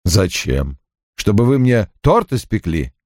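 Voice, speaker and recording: A man's voice: on the low side, big pitch swings, slow, a little mellow, no room sound, full character voice. A man voicing a dry, sardonic middle-aged detective who speaks in teasing remarks.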